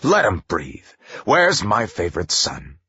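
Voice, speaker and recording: Gruff, blunt father, read by a male narrator, low and husky. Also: huge pitch swings, a little slow, pushed and bright, no echo, dull audio, full character voice. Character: gruff blustery middle-aged father.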